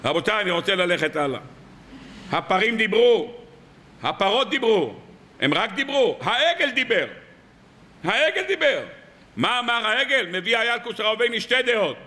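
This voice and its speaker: A man preaching as a rabbi, telling stories and firing rhetorical questions at his listeners. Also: high-pitched. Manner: lively storytelling with rhetorical questions. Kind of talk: weekly sermon.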